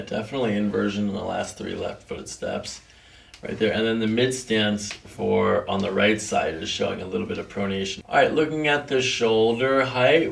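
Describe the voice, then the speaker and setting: A middle-aged male chiropractor with a somewhat low, creaky voice talks through a clinical exam, matter-of-fact and asking clipped questions. The consultation takes place in an indoor chiropractic office, picked up by a distant mic.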